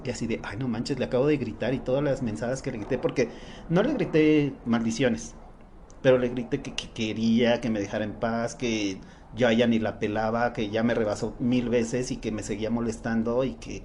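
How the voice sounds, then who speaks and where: A man with a Mexican accent, co-hosting a psychology podcast and telling a personal story in a lively, vivid way. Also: medium pitch, slight background noise. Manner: vivid storyteller, animated retelling of personal anecdote. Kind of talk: casual conversational podcast.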